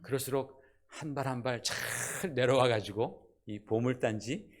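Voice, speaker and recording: Animated Korean pastor preaching a sermon. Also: male voice, medium pitch, a little slow. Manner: animated preaching, asks the congregation questions. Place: church sanctuary.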